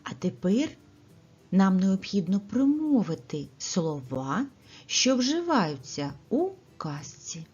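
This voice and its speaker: Slow, husky woman teaching small children. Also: medium pitch, sing-song, a little mellow, lo-fi sound, faint music behind. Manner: slow, carefully articulated, pauses for children's answers. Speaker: preschool teacher. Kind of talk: speech lesson for young children.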